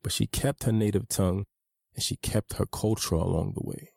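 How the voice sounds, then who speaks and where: An American author narrates his own memoir, reading in a measured, earnest and personal manner. His very low voice has a gravelly edge and a dark, mellow tone, with fairly even intonation. The recording is dry and close, with no room sound or echo.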